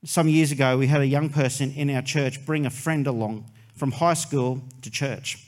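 A man, a pastor preaching a sermon in an earnest way, with long pauses and soft dramatic drops. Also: medium pitch, steady tone.

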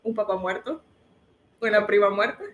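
A woman's voice: mid-range voice, normal speed, lo-fi sound, a little hiss or hum. A woman, chatting frankly with a friend as co-host and swearing casually. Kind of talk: casual chat between friends.

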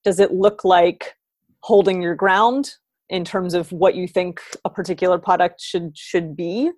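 A woman conducts an interview in a relaxed, conversational way, asking curious, open questions. She sometimes loses her thread and rephrases her questions mid-sentence. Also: lowish voice, measured pace.

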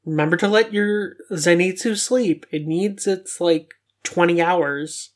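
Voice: mid-range voice, measured pace. A young adult podcast host leading a casual discussion about animation with friends.

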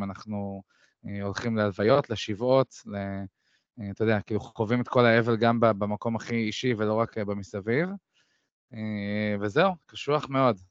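A man in his thirties co-hosting a podcast, talking reflectively and often pausing on fillers. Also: on the low side, dry recording. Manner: reflective, many hesitant fillers. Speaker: podcast co-host. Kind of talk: casual podcast chat. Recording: dry, slightly dull sound.

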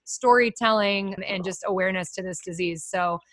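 A woman hosts a casual podcast interview, chatty and upbeat, using plenty of filler words as she introduces her guest and asks questions. Her voice is medium-pitched and fairly bright, at a normal speed.

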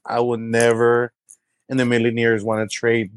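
A young man from San Antonio, telling stories in a casual chat, full of fillers and quick voices of people he mimics. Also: clear, resonant tone, no echo. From San Antonio, Texas. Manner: animated storyteller, many fillers, quick high-pitched mimicry of others. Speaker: guest, comedy creator.

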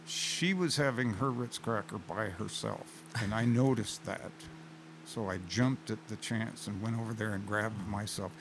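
A man's voice: fairly low pitch, a little slow, noisy background. An older man in casual chat, telling rambling concert stories with many restarts. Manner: rambling anecdotes with frequent restarts.

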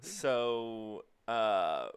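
A young man in his twenties hosts a casual livestream chat. He is easygoing and relaxed, and his pitch sits in a middle range. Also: drawn-out words, clean tone. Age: 20s. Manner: easygoing, reads viewer comments aloud. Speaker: host reading chat.

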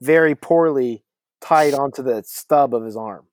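A man co-hosting a casual podcast, talking excitedly and laughing often. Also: medium pitch, measured pace, no room sound, clean studio sound. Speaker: podcast co-host. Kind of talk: casual chat.

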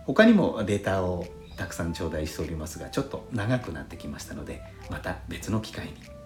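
This is a podcast host, male, whose low voice has a sing-song lilt and a fairly quick pace. He chats courteously and formally while reading letters from listeners, against an echoey room and gentle lo-fi flute jazz in the background.

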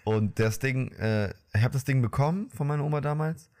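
Young male podcast co-host, mid-pitched, slangy, laughs a lot. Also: a little fast, darkish tone. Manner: storytelling with slang, laughing often. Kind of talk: casual chat.

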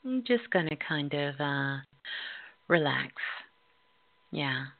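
A woman teaching a spirit class, leading a guided relaxation in a soothing, unhurried way and gently repeating her phrases. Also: sits low, lively intonation, creaky, dry recording. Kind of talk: guided meditation. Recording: dull lo-fi sound under prominent music. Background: loud background music.

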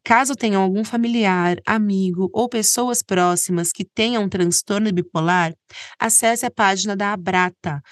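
A woman's voice: medium pitch, moderate pace, dry recording, studio quality. A woman with a Brazilian accent hosting a podcast in an informal, chatty and conversational way. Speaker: podcast host.

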